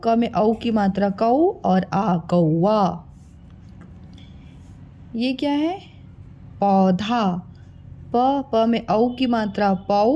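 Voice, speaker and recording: Slow, coaxing woman teaching children. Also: fairly high pitch, warm tone. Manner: slow, drawn-out syllable-by-syllable teaching; coaxing, addresses listeners as children. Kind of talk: children's Hindi spelling lesson.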